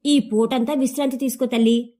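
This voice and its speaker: A woman's voice: a little high, steady tone, fairly quick, warm tone, natural voice. A woman voicing a gracious older mother-in-law who speaks affectionately and soothingly. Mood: tender.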